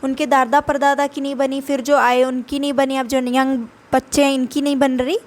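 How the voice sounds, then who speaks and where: A young woman with a high voice and an Indian English accent runs a vocabulary lesson. She reads each example sentence slowly, then explains it quickly in Hindi. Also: little pitch movement.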